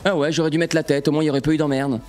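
A young man giving excitable gameplay commentary to his viewers, breaking into sudden frustrated outbursts. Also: on the high side, very fast. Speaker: gaming streamer.

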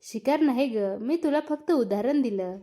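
A woman's voice: high voice, expressive, moderate pace, mellow. A woman voicing a teasing, eager young husband, playful and insistent, in a read-aloud story.

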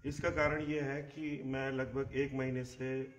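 A middle-aged man with a hoarse voice, giving emphatic live political commentary and clearing his throat. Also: mid-range voice, flat delivery, measured pace, echoey room. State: hoarse, recovering from a bad cough. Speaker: journalist and live show host. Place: outdoor terrace in the hills. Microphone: phone a short distance away.

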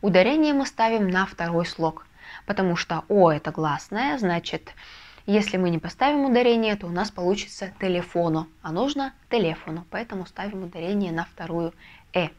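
A woman teaching a video lesson, explaining step by step with patient, soft confirmations. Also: mid-range voice, animated, fairly quick, muffled recording. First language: Russian. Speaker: Spanish language teacher. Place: language school in a Russian city.

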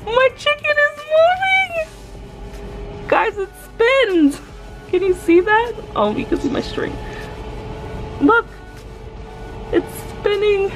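A young adult woman chatting to viewers as she cooks in her home kitchen, excitable and talking as she works. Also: very high-pitched, slow pace, pauses often, over music, low-quality recording. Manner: chatty, excitable, talks to viewers while working. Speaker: cooking vlogger. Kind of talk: casual cook-along narration.

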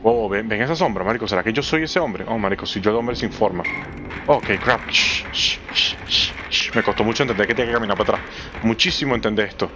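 A young man with a Venezuelan Spanish accent giving excitable let's play commentary on a horror game, swearing often and jumping into squeaky high exclamations. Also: quick pace, music in the background.

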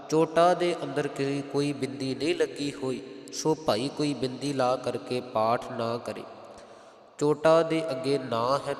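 Man, Punjabi accent, slow deliberate teacher, chants verses, roomy echoing hall. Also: mid-range voice. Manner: chants verses slowly, then explains pronunciation. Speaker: scripture recitation teacher. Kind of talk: slow, careful recitation lesson. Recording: roomy, long hall echo.

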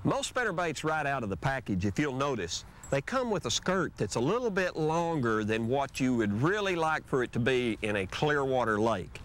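A middle-aged man with a mid-range, slightly bright, sing-song voice speaks at normal speed with few pauses. Hosting a fishing show outdoors on a lake, from a boat and from the shore, he demonstrates fishing techniques in an easygoing, folksy way.

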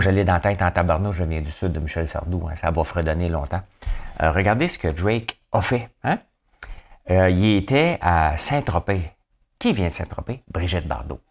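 A man with a Québécois French accent doing casual, rambling commentary on the day's news, often talking straight to his viewers and asking them questions. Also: low-pitched. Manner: rambling, talks to viewers, asks them questions, hums songs. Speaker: host of a daily news chat.

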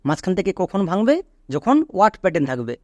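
A man's voice: high-pitched, very animated, fast talker, a little mellow, dry recording, muffled recording. A man teaches English pronunciation step by step. He keeps asking questions and then answering them himself. The recording is close and dry, with no room sound. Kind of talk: spoken lesson.

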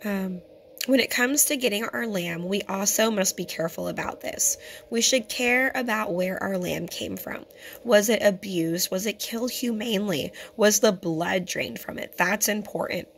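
A hoarse woman who keeps clearing her throat, giving an earnest, conversational scripture teaching to her viewers. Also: medium pitch, normal speed, a little hiss or hum. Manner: earnest and conversational, addresses viewers as brothers and sisters. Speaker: teacher of a Torah fellowship. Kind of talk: home-made teaching video.

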